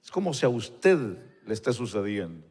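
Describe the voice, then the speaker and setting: A man leading a slow, fervent prayer before a congregation, repeating "Lord" between phrases. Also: lowish voice, big pitch swings, a little mellow, husky. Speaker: pastor. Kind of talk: spoken prayer and sermon. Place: church sanctuary, recorded live. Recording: long church hall reverb.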